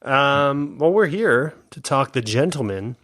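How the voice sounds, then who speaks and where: A man's voice: mid-range voice, lively intonation, a little slow, a bit bright, no echo. Rambling man co-hosting a movie podcast. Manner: rambling, jokey, full of restarts. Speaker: podcast co-host. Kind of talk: casual movie-review chat.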